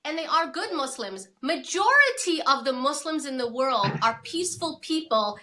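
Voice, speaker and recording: Forthright female guest from South Africa with a bright, high voice; emphatic delivery. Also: sing-song, moderate pace. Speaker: guest author. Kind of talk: interview conversation.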